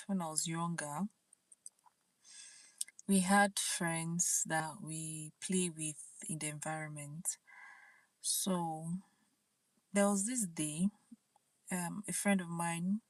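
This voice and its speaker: A woman's voice: on the low side, no echo. A woman hosting her own live stream, chatting casually and telling a story with occasional laughs about parenting. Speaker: channel host.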